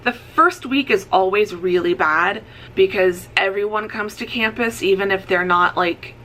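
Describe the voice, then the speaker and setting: A woman's voice: mid-range voice, a little slow, a bit bright, slight background noise. A woman talking casually to camera in a vlog, chatty and upbeat, rambling with fillers before heading off to teach. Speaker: author and college writing teacher vlogger.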